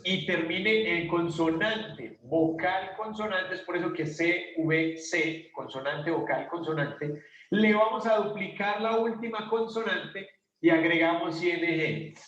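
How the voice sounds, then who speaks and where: A man's voice: sits high, fairly bright tone, dull audio. A man teaching an English grammar lesson to a class, patiently asking questions and answering them himself. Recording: echoey room, voice from a distance.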